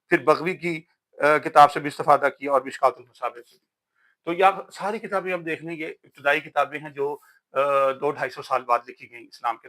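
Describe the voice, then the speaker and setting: A man's voice: fairly high pitch, fairly bright tone. A man from Pakistan, giving a casual, emphatic talk about books in a vlog. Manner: emphatic, preachy, says "yaar" often. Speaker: vlogger.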